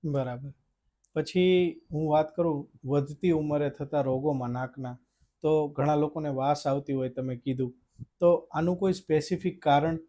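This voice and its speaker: A male interviewer puts questions to a doctor in a polite, deferential way. His voice is mellow and a little higher than most men's. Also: steady tone, normal speed. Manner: polite, deferential, calls the guest sir.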